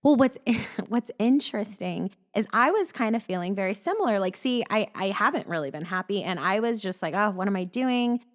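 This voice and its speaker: A woman's voice: mid-range voice, lively intonation, fairly quick, few pauses. A woman guest on a podcast, talking openly and reflectively in casual chat, laughing often.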